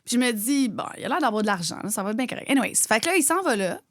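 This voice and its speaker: A woman's voice: fairly high pitch, rapid-fire, no room sound, studio quality. A woman in her twenties with a Québécois accent, telling a story in casual podcast chat and acting out the voices of the people in it. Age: 20s. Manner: animated, acts out quoted voices. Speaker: podcast co-host.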